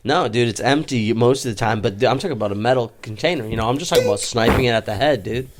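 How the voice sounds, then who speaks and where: A man's voice: medium pitch, quick pace. A man in his twenties, co-hosting a casual podcast chat, who rambles through stories and keeps saying "dude". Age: 20s. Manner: rambling, says "dude" constantly, laughs mid-story. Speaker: podcast co-host.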